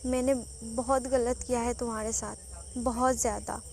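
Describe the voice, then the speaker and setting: A woman's voice: on the high side, flat delivery, normal speed, gravelly, a little mellow, a little hiss or hum. A woman voicing a possessive male mafia husband in a storybook audio drama, teasing and smirking. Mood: remorseful.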